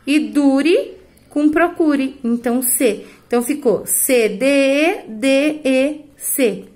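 Slow, patient woman teacher. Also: high voice, a little mellow. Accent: Brazilian Portuguese. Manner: slow, careful, counting syllables aloud. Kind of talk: recorded remote lesson correcting homework.

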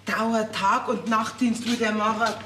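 A woman plays a spiteful, jealous Bavarian village wife in middle age, her voice somewhat high. She is heard on a stage from some way off, in a roomy hall with clear room noise behind her. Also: steady tone, unhurried, far from the mic, close to an everyday voice. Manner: spiteful and jeering. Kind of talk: folk theater stage acting.

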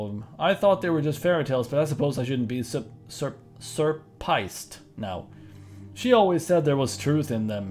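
Lively man playing a video game. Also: mid-range voice. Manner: playful, chatty, laughs often. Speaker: gaming YouTuber. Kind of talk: let's play commentary, reading game dialogue aloud.

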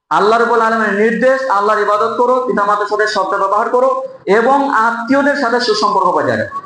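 Man preaching a friday sermon, high voice, pushes hard, drawn-out chanting, echoey hall. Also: pushed and bright, slight background noise. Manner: emphatic, asks rhetorical questions, recites verses in a drawn-out chant. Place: mosque hall with a congregation.

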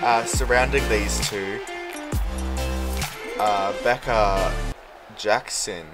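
Male play-by-play commentator, unhurried delivery, bursts into shouts on big moves, game music underneath. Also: on the low side, fairly even intonation. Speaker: wrestling commentator for a video game.

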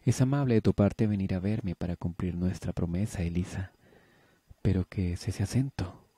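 Low, husky male manga reader. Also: normal speed, dark tone, no room sound. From Mexico. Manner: reads all characters himself. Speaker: audiobook narrator. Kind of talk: reading a manga aloud.

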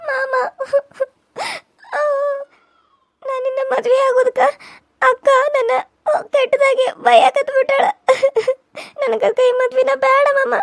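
A woman voicing a gentle, tearful young bride-to-be in a cartoon serial, speaking softly with a North Karnataka Kannada accent. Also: very high voice, fairly even intonation, fast, no room sound, studio quality. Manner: soft, pleading.

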